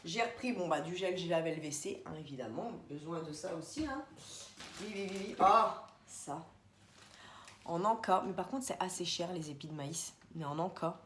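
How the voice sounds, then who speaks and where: A woman with a lowish voice speaking at normal speed goes through a grocery haul vlog indoors at home, chatting casually, rambling, and addressing viewers directly. The recording has an echoey room and faint background noise.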